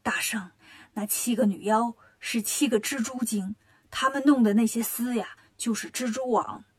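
A woman voicing an old male earth god in a hushed, low whisper for a storybook. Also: normal speed, husky.

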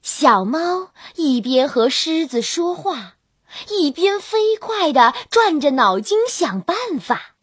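Woman reading a kids' story, high bouncy sing-song voice, slow, soft kids' music underneath. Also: dry recording. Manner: animated, sing-song and expressive.

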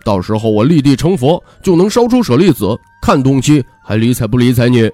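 A man's voice: mid-range voice, expressive, a little fast, mellow, dry recording, soft background music, lightly acted. A man voicing a sulky, indignant little boy monk who complains in a whiny tone. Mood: angry.

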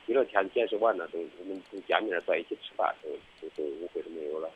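Hurried male caller on a tinny phone line. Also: sits low, slight background noise. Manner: hurried, defensive. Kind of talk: phone-in call to a radio show.

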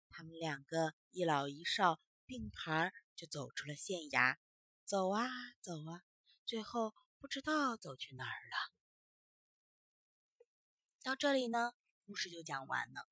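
A woman telling a children's story as a storyteller, in an expressive, emphatic way. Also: lowish voice, slightly rough, no room sound.

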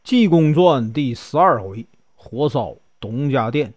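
Lively male storyteller. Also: mid-range voice, no echo, studio quality. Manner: conversational, drawn-out filler particles. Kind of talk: folk tale narration.

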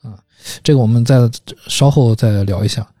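A man's voice: mid-range voice, normal speed, dark tone, no echo, clean studio sound, faint music behind. A man hosting a casual podcast about films, talking in thoughtful, rambling runs with hesitations. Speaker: podcast host. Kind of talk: casual film discussion.

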